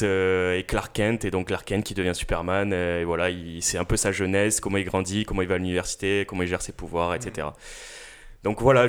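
A young man in his twenties chatting casually as a radio co-host, halting and filling gaps with hesitation sounds. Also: fairly low pitch, clear, resonant tone. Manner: halting, with many filler sounds and restarts. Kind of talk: casual chat.

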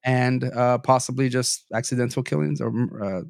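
A man's voice: mid-range voice, fairly even intonation, normal speed, gravelly, smooth, dry recording, clean studio sound. A young man hosting a podcast, reading news stories aloud with many fillers and restarts, his sinuses stuffy. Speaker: podcast host.

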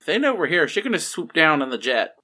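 A woman's voice: low voice, sing-song, a little fast, bright, forceful tone. A woman chatting casually as a player in a tabletop game.

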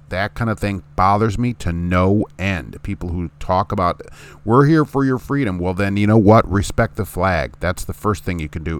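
Brief: middle-aged male host, lowish voice, rambling, fired-up opinions on trucking. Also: smooth. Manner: rambling, indignant, talks to his dog. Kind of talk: opinionated solo talk.

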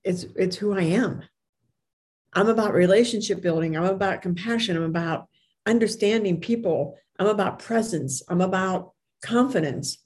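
A woman's voice: mid-range voice, moderate pace, a little mellow. A woman confidence coach giving an emphatic motivational talk, with imprecise R and S sounds, occasional stumbles over words and phrases repeated for effect. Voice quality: speech impediment on R and S sounds. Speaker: confidence coach and public speaker. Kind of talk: motivational talk with personal anecdotes.

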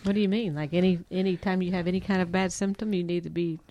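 A woman's voice: fairly low pitch, steady tone, quick pace, mellow, dull audio. A woman co-hosting a health podcast, introducing topics and chiming in with teasing quips. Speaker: podcast co-host. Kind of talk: casual health podcast chat.

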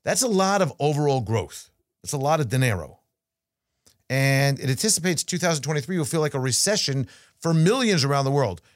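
A man co-hosting a casual podcast, talking in halting restarts and reading out news items. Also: medium pitch, dry recording, studio quality. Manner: halting restarts, animated, playful. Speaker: podcast co-host.

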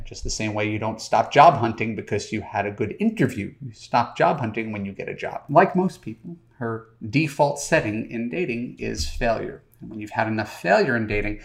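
A middle-aged man hosts his own dating-advice podcast, talking straight to the listener. His voice sits a little low and has a gravelly edge. He speaks conversationally, with ums and uhs scattered through his sentences. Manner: conversational, direct address with frequent fillers. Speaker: dating coach and podcast host. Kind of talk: podcast monologue.

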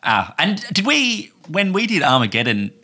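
A man co-hosts a casual movie podcast in a bright, forceful voice. His pitch swings widely as he jokes around and slips into playful impressions. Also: moderate pace. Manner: animated, jokey, tries impressions. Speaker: podcast co-host. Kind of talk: casual film podcast chat.

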